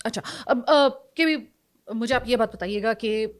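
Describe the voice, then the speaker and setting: A woman's voice: on the high side, smooth. Probing woman podcast host. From Pakistan. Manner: probing, with hesitant fillers. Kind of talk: podcast interview questions.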